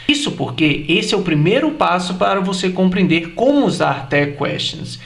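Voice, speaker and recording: A male teacher explains a grammar point step by step, with a high and very animated voice. He slows right down to say each example phrase carefully. The recording carries a noticeable room echo. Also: vocal fry. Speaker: English teacher. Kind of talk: explanatory video lesson.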